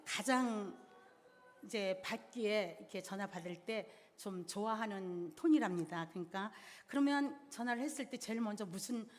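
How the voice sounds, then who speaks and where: A woman's voice: medium pitch, normal speed. A middle-aged woman giving a church seminar, explaining each step plainly and in order. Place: church hall. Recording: reverberant hall sound.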